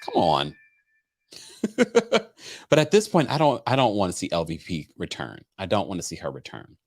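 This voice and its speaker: A man's voice: low-pitched, wildly swooping pitch, normal speed. A man hosting a recap show, talking casually and gossipily to viewers, theatrical and emphatic, repeating phrases for effect. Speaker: host of reality TV recap show.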